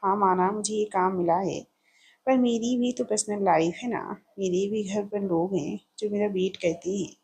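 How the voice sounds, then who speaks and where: A woman's voice: medium pitch, steady tone, a little mellow, husky. A woman doing a blunt, hot-tempered young woman. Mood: angry. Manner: chatty, quick-tempered, blunt.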